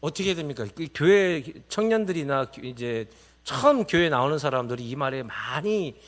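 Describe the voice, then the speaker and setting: A middle-aged man preaches a Sunday sermon with a voice on the high side, lively intonation, and a moderate pace, asking rhetorical questions of the congregation before building to emphatic exclamations.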